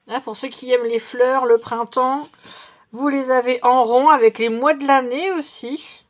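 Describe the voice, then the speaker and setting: A middle-aged woman doing a casual show-and-tell haul of craft supplies, chatty and unhurried, often pausing to correct herself. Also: sits high, fairly even intonation. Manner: chatty and unhurried, many fillers and self-corrections. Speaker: vlogger showing craft purchases.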